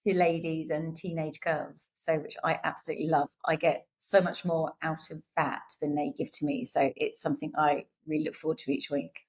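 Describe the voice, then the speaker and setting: A woman guest on a podcast, bubbly and quick to laugh. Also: deep voice, level tone, breathy edge, rough recording. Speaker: guest, networking company director. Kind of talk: casual podcast interview.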